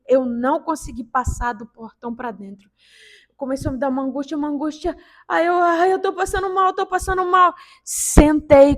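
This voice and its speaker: A woman in her fifties talks straight to her viewers in an excitable, storytelling rush. Her voice sits high, and she punctuates the tale with sharp little exclamations. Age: 50s. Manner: animated and excitable, with sound-effect interjections. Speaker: vlogger telling a paranormal story. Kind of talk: casual storytelling to camera.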